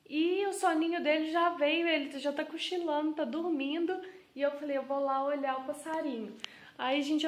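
Young woman vlogging at home, chatty, high voice, echoey room. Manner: chatty, talks to her dog in a high baby voice. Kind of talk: casual home vlog. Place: home, indoors.

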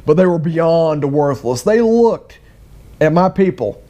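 A middle-aged man telling a personal story in a casual, animated way, acting out both sides of conversations. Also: fairly high pitch, slow, muffled recording. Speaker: vlogger.

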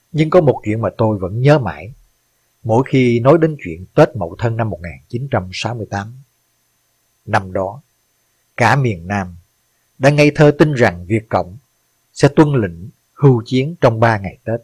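An older former soldier tells a grim memory in an earnest, solemn way, as a man reads his part. The voice is low and husky, recorded dry. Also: darkish tone, dry recording. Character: older male ex-soldier recounting war.

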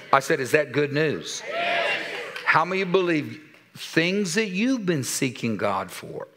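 A man in his sixties preaching a sermon in a church, telling a story with animated quoted dialogue and dropping to a soft voice for serious points. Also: deep voice, breathy edge. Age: 60s. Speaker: pastor. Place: church sanctuary.

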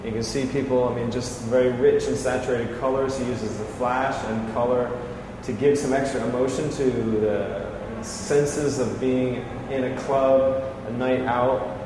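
Here a gallery curator, a man in his forties, gives a casual tour of his small gallery, describing the photos enthusiastically and loosely, with plenty of filler words. His pitch sits in the middle and his intonation stays fairly even; he speaks a little slowly and pauses only a few times. The lapel-mic recording picks up room echo and background noise.

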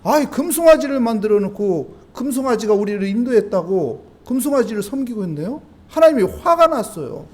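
Male pastor with a Busan accent, high and animated, preaching at dawn and asking the congregation questions. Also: fairly quick, hardly any pauses. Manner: preaching with rhetorical questions and acted-out prayers. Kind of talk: dawn service sermon.

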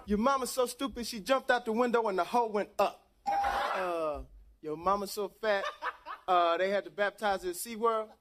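Man doing a cocky, high-voiced insult contestant; loud hiss on old TV audio. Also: close to an everyday voice. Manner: cocky, rapid-fire jokes. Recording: noisy old TV broadcast.

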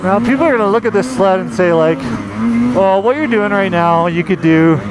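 A Canadian magazine editor reviews a snowmobile, giving casual, enthusiastic commentary at a normal pace as he rides through deep snow in a forest. His helmet-mounted action camera records the talk along with engine and wind noise.

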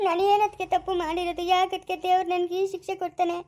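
Picture a tearful young mother pleading about her troubles, played by a woman. Her voice sits very high and the lines tumble out fast. She speaks with a Chikkaballapur Kannada accent, as in a homemade family skit. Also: little pitch movement, darkish tone.

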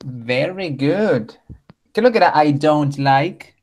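Slow, patient male teacher. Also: on the high side, expressive, a little mellow. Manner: slow, patient, praising often. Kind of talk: online class for young children.

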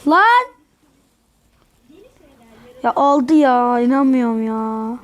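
High-voiced excitable woman gaming. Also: measured pace. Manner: excitable, yells at the opponent. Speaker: mobile game player. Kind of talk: live gameplay commentary.

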